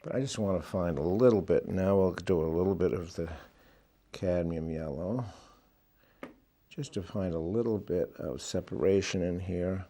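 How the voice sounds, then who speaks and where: Low, mellow-voiced man teaching watercolour. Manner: unhurried, thinking aloud while painting. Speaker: watercolour instructor. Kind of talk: painting demonstration with commentary.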